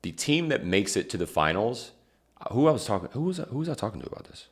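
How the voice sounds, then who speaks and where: A man's voice: on the low side, sing-song, quick pace. A young man hosting a streamed show, talking in loose, rambling slang and often stopping to correct himself. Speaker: podcast host. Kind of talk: casual chat.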